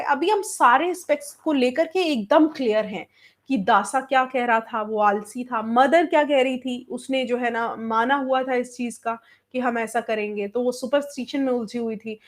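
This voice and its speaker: High-voiced woman teaching in Hindi. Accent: Bihari Hindi. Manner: explains English text in Hindi, switching between both. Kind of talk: online class lesson.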